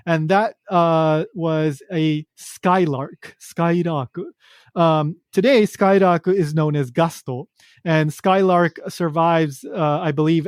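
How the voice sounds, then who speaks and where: A man's voice: on the high side, a little mellow, dry recording, clean studio sound. A man hosting a podcast, talking casually and rambling with many fillers and restarts. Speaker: podcast host.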